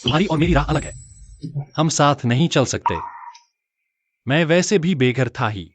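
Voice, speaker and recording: An actor playing a poor, sensitive young male writer in a dubbed short drama, expressive and earnest. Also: on the high side, normal speed, a little hiss or hum, natural voice. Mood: defiant.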